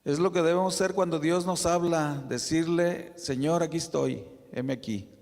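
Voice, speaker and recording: A man preaching a sermon as pastor, in a conversational style with frequent tag questions and soft asides. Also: a little high, moderate pace, creaky. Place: church sanctuary. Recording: reverberant church hall.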